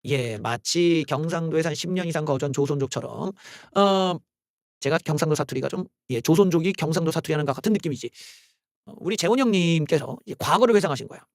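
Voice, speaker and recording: A political YouTube host rants solo on his commentary channel, heated and sarcastic, throwing in exclamations and curses. His voice is on the high side and animated, he talks fast, and the recording is clean studio audio with no echo.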